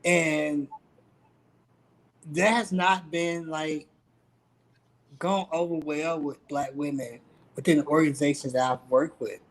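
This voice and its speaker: A man with a slightly high voice speaks as a guest on a panel discussion. He explains his view in a calm, measured way and backs it up with examples. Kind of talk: casual panel talk.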